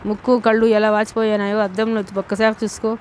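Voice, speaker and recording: A woman reading an audiobook novel, voicing a caring young man who speaks softly and coaxingly. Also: medium pitch, completely flat delivery, fast talker, a little hiss or hum, lightly acted. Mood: soothing. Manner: soft, soothing, coaxing. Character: caring young man, gentle and protective cousin.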